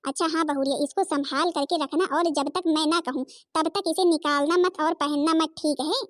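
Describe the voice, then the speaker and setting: A woman's voice: sits high, fairly even intonation, moderate pace, no room sound, clean studio sound, close to an everyday voice. A woman voicing a scheming middle-aged mother in a cartoon, bossy and sly.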